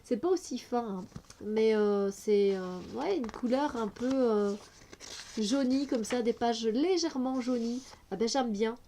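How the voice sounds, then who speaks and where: A woman's voice: fairly high pitch, a little slow, warm tone, slight background noise. A woman with a cold, reviewing an oracle card deck in a casual, hesitant way with many fillers. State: has a cold.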